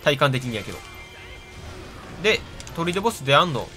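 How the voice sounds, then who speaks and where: A man with a Kansai accent chats his way through a video game, his voice bright and forceful and swinging freely up and down in pitch. He mocks himself and bursts into loud reactions, while faint game music plays behind him. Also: sing-song, moderate pace. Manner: chatty, self-mocking, reacts loudly to the game. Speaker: gameplay commentator. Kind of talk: casual let's-play commentary.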